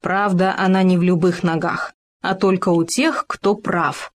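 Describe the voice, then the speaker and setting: A woman's voice: on the low side, steady tone, unhurried. A woman voicing a stubborn male hamster who muses in a thoughtful, self-important way. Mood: musing.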